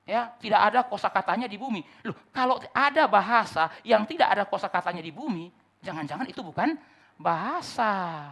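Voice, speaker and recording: Animated gravelly male preacher. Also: high voice, fairly quick. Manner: animated preaching, swinging between loud and hushed; addresses the congregation with rhetorical questions. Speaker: pastor. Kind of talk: church sermon. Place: church service.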